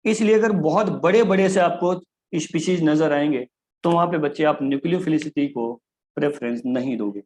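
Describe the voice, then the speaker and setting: A man giving a chemistry lecture, often calling his students "kids" and switching between Hindi and English. He slows down deliberately to spell out key phrases. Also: fairly high pitch, darkish tone, low-quality recording. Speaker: chemistry teacher. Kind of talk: classroom lecture.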